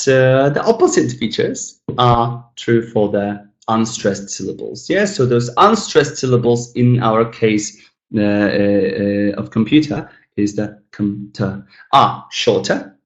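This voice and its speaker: A man with as his teaches English pronunciation, his voice sitting at an ordinary pitch. He breaks words apart, stretching the stressed syllable and mumbling the others. The recording has a noticeably echoey room sound. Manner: demonstrates sounds by exaggerating stressed syllables and mumbling unstressed ones; explanatory, addresses viewers as guys. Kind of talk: recorded language lesson.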